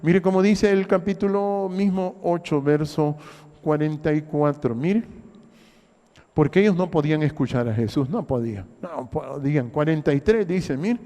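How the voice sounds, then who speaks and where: An older man with a Honduran accent, a pastor delivering an emphatic sermon full of rhetorical questions and repeated phrases, his voice rising in loud bursts and dropping to low murmurs. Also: lively intonation, moderate pace. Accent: Honduran Spanish. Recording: long hall reverb.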